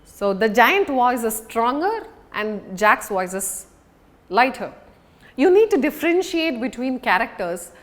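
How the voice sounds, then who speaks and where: A public speaking coach, a woman with a fairly high, sing-song voice, gives an instructional lesson. She speaks with deliberate emphasis and pauses for stress.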